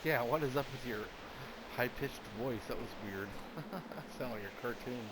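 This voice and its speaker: A man's voice: mid-range voice, moderate pace, a bit bright, breathy edge, rough recording. A man gaming and chatting tersely and dryly with his AI companion. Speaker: gamer, channel host. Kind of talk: casual chat.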